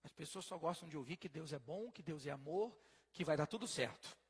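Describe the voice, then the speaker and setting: Male preacher, high and animated, husky tone, emphatic, long reverb. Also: fairly quick. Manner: emphatic, swings from soft to loud, questions the congregation. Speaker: pastor. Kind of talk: sermon.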